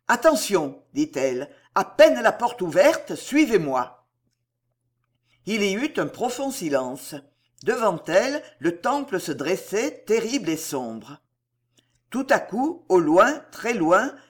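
Narrating a historical adventure novel from a script, this reader brings drama and colour to the scene's action. The voice is medium in pitch, rising and falling broadly with each phrase.

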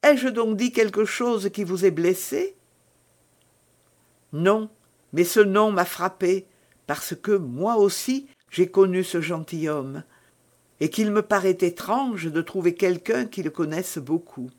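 A woman's voice: medium pitch, slow pace, a little mellow. A woman reading a novel aloud, voicing a trusting young novice nun with an eager, pleading manner. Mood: alarmed. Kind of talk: audiobook character reading.

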